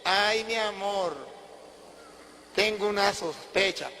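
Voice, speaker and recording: A man's voice: high-pitched, slow pace, pushed and bright, a little hiss or hum, exaggerated voice. A man voicing a coaxing wife who tells her husband she suspects she is expecting. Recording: long hall reverb.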